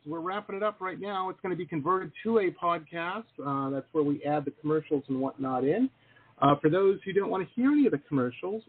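Over thin, phone-like call audio, a man hosts a podcast interview and jokingly needles his guest in a relaxed chat. His voice sits high and has a slight roughness.

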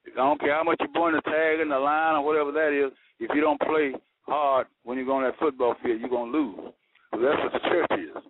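A man's voice, on the high side and a little fast with fairly even intonation, reaches a radio show by phone, tinny and crackling with static. As a call-in caller he talks casually, earnest and folksy, using homespun sayings.

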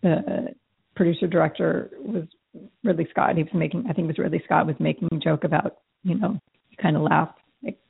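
A woman co-hosting a casual conversation while sick with a cold, agreeable and quick to back up her partner. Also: sits low, vocal fry, slightly rough. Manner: agreeable, backchannels often. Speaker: co-host. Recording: tinny phone-like audio.

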